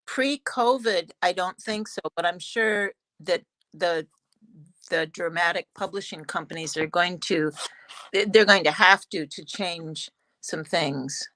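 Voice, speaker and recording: A playwright on a video call panel works through her answers in a halting, thoughtful way, often repeating words as she goes. Her voice is fairly low, bright and forceful. The recording is dry and of low quality.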